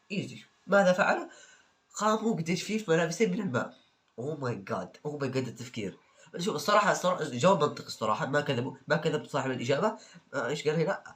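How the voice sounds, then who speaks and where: A man's voice: on the high side, fairly bright tone. A young man hosting a comedy video, reading out funny exam answers and reacting with joking, mock-exasperated remarks. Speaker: video host.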